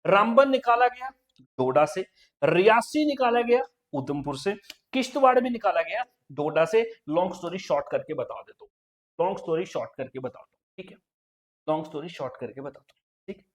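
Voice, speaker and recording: A man's voice: high voice, animated, brisk. Man quizzing students in an exam-prep lecture. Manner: repetitive quizzing, keeps saying "okay" and "friend". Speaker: exam coaching teacher.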